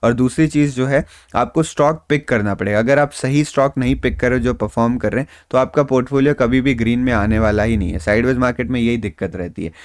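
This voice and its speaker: A man's voice: medium pitch, quick pace, few pauses, dry recording, studio quality. Man giving casual market talk. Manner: reassuring, conversational, mixes English phrases into Hindi. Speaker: stock market trader and YouTube host. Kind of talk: casual explanatory market analysis.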